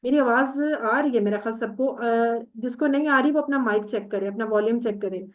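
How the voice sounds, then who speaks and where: A woman's voice: fairly high pitch, a little fast. A woman teaching an online class, patiently explaining step by step and quizzing her students.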